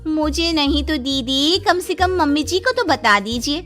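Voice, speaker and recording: A woman's voice: sits high, measured pace, over music. A woman voicing a nosy, tattling young daughter-in-law in a cartoon, with a prying, complaining tone. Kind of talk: cartoon voice acting.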